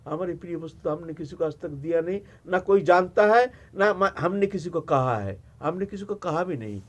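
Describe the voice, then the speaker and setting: Guy doing a worried god, keeps repeating himself, voice sits kinda high. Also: animated, normal speed. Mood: troubled. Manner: fretful, insistent repetition. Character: troubled male god, anxious and secretive.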